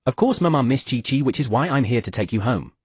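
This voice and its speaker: A man voicing a cold, proud young mother in an audiobook, icy toward the man and soft toward her child. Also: mid-range voice, lively intonation, fast talker, slightly rough, no room sound, studio quality. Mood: tender.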